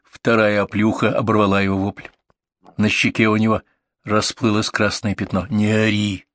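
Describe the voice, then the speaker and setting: A man reading a story aloud as first-person narration, steady and matter-of-fact. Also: fairly low pitch, moderate pace, no echo, clean studio sound. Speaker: audiobook reader.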